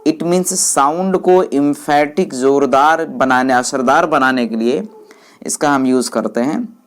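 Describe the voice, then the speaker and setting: A low-voiced woman teaches English, going through each point slowly and repeating the English phrases in Hindi. She addresses her viewers as if they were friends.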